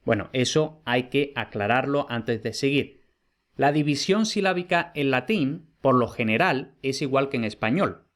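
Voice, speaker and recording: A man's voice: mid-range voice, moderate pace, fairly bright tone. Methodical male teacher. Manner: clear, methodical, uses rhetorical questions. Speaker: Latin teacher. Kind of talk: explanatory online lesson.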